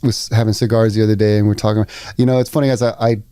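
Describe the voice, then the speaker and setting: A man's voice: lowish voice, level tone, very fast, dark tone, clean tone, dry recording, studio quality. A man co-hosting a casual sports podcast, joking and riffing on bits with his co-host. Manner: joking banter, riffs on bits.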